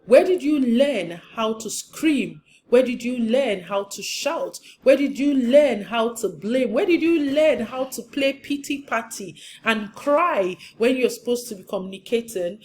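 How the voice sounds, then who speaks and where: A woman's voice: on the high side, animated, unhurried, few pauses, a little mellow, slight background noise. A woman marriage counselor giving an earnest, emphatic teaching talk, often repeating her points for stress.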